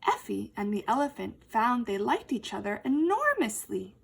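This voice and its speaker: A woman teacher with a fairly high, slightly rough voice and vocal fry reads a storybook expressively to young children at a moderate pace. She is animated and emphatic, speaking to them directly and asking them questions.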